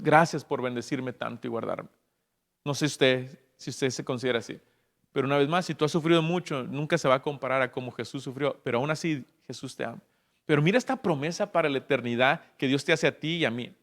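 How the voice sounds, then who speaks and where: A man preaching a sermon as pastor, impassioned and rising to loud, emphatic peaks. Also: medium pitch, fairly quick. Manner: acts out everyday people's voices in asides.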